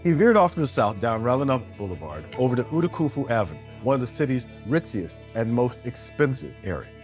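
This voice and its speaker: A man's voice: medium pitch, brisk. Man narrating a fantasy tale over music. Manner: steady, descriptive storytelling.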